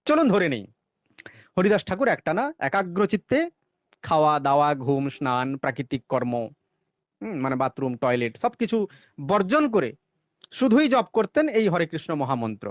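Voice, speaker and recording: Sarcastic male commentator, animated and high-pitched, working through numbers. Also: moderate pace, pauses often, no echo, clean studio sound. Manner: sarcastic, chants the mantra mid-argument. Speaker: religious commentator. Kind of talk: explanatory monologue with arithmetic.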